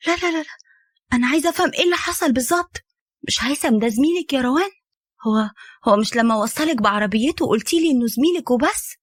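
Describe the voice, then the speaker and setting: A woman's voice: sits high, animated, quick pace, no echo, studio quality. A woman voicing a heartbroken young woman with an Egyptian accent who speaks with pleading and reproach. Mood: reproachful. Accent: Egyptian Arabic.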